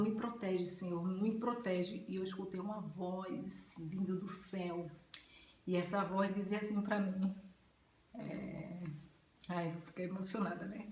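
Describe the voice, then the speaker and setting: Woman, earnest testimony, mid-pitched, echoey room. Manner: earnest, heartfelt, often ends phrases with a tag question. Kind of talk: casual spoken testimony. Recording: roomy echo.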